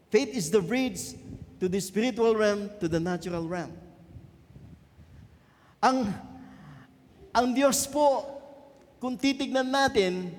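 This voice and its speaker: High-voiced preaching man in echoing church. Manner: mixes English into his preaching, calls for amens. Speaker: pastor. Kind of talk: sermon. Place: church hall. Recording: long church hall reverb.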